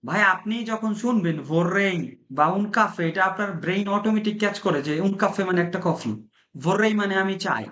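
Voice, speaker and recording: A man's voice: sits high, pushed and bright. A man from Bangladesh teaching an informal language class, coaching his listeners and repeating key points. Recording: roomy echo.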